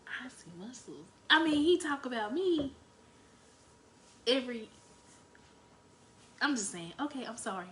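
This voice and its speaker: A woman in her thirties, co-host of a live podcast, making quiet low-key asides. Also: animated, a little slow, long pauses. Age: 30s.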